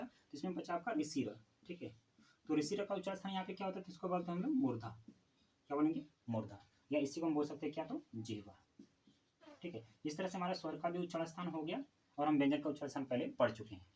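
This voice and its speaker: A man teaches Hindi grammar for exam preparation, posing questions and answering them himself while slowly repeating key terms. His voice is on the high side with a darkish tone, and the recording is rough.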